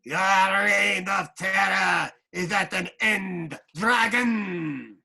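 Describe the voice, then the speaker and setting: A tabletop player voicing a male warrior who speaks in a distorted voice through a makeshift gas mask, shouting threats. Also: medium pitch, drawn-out words, gravelly, breathy edge, exaggerated voice. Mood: threatening.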